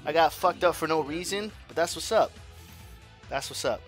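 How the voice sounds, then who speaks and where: A man giving live commentary on his own fighting game match, excitable, swearing and trash-talking. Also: fairly high pitch, moderate pace, soft background music. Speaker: gaming streamer.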